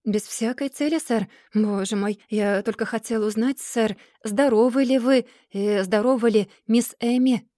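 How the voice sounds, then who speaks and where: A woman's voice: fairly high pitch, a little slow, warm tone, dry recording, studio quality, natural voice. A woman voicing a timid, humble young man who speaks meekly and politely, with a stammer.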